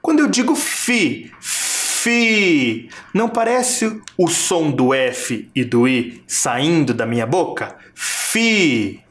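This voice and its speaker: A primary school teacher gives a televised lesson to fourth graders. The teacher speaks slowly, stretches out syllables to demonstrate their sounds, and keeps asking the viewers rhetorical questions. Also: medium pitch, animated.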